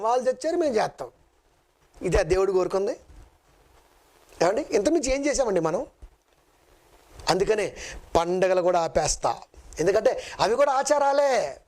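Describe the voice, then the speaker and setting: A man preaching a sermon, firing rhetorical questions at his listeners and reading scripture slowly, his voice leaping between high and low. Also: a little mellow. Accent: Telugu. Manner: sudden jumps between high and low pitch; slow measured scripture reading. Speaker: preacher, Bible college director. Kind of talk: Telugu sermon.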